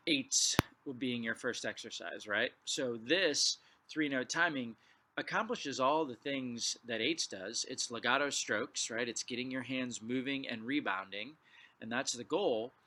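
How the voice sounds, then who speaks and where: A man teaching a drumline clinic, explaining exercises and calling count-offs before he plays. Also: mid-range voice. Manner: counts off loudly before playing. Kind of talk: percussion lesson.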